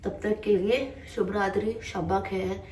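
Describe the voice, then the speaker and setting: A woman's voice: medium pitch, normal speed. Chatty young woman vlogging on a phone. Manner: chatty, excitable, thinks aloud. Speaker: travel vlogger. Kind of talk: casual travel vlog chat. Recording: noisy street and room ambience.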